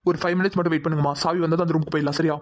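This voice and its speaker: Brief: a bossy, scolding young cartoon man, mid-pitched and rapid-fire, as a voice actor plays him. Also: fairly even intonation, natural voice. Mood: gentle. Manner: commanding, scolding. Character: stern young man, the household head. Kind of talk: cartoon dub acting.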